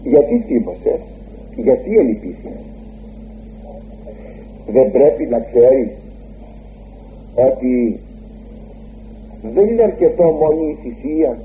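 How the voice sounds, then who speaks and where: A man preaching a sermon, retelling a scripture story with lively, swooping emphasis and repeated exclamations. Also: pauses often. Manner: animated, swooping pitch on emphasis. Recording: tinny phone-like recording with faint hum.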